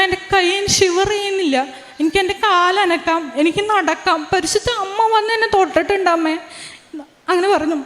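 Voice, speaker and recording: A woman's voice: very high-pitched, a bit bright. Young woman giving a testimony, earnest and emotional, lots of restarts, big echoey hall. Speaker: testimony giver. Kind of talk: religious testimony. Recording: long hall reverb.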